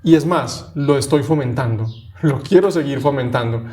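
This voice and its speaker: A man, co-hosting a casual talk in a measured, reflective way. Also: medium pitch, mellow. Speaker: podcast co-host. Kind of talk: casual conversation.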